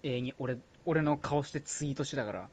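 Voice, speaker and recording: A man chatting casually on a game stream, making low-key, mumbled asides. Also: fairly quick, a little mellow, husky. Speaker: streaming co-player. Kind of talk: casual gaming chat.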